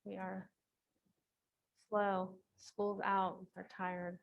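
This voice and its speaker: A woman's voice: mid-range voice, level tone, drawn-out words, vocal fry, muffled recording. A woman making brief remarks in an online meeting, hurrying to share her screen.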